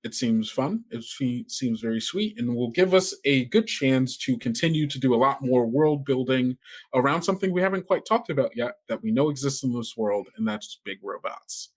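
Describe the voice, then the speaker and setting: A man hosts an actual-play tabletop game podcast and serves as its game master, talking casually in a loose, rambling way with small stumbles, stammering and frequent chuckles. His voice is medium-pitched with lively intonation at a normal speed.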